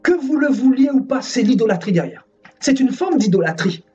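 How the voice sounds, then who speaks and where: A male preacher delivers a fervent, scolding sermon in a high voice, hammering his points with repetition. The sound is dull and a bit distant from the mic. Faint music sits behind him. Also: animated, fairly quick, darkish tone.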